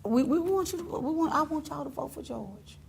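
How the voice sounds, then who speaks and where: Woman talk-show host, high and lively, teasing, laughs a lot. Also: brisk, gravelly. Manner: laughs often, animated and teasing. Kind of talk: casual laughing chat.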